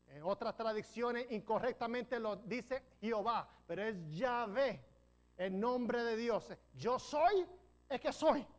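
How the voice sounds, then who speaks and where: Man preaching a teaching sermon. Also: sits high. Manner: teaching, checks in with the congregation; joking asides and self-corrections. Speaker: pastor.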